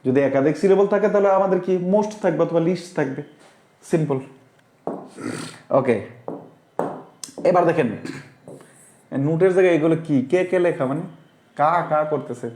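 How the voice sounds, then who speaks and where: A man leads a live online grammar class and keeps checking that his viewers understand, reading out their comments as they come in. His voice sits a little high for a man. The room around him has a clear echo. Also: normal speed, long pauses, darkish tone. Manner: explains step by step, often asks the class if they understood; reads out viewers' comments and answers them. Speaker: online English teacher.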